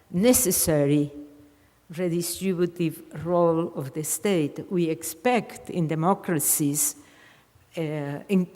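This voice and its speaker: A woman's voice: fairly low pitch, dark tone. Older woman lecturing in a hall. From Argentina. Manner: thoughtful, frequent restarts and repeated words. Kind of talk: academic lecture answer.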